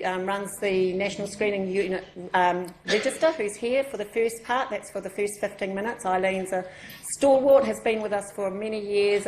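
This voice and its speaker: A New Zealand-accented woman organising an education session opens a group meeting in a chatty, informal manner, with plenty of ums and restarts. Her mid-range voice comes through a far room microphone in an echoey room, with a little hiss or hum.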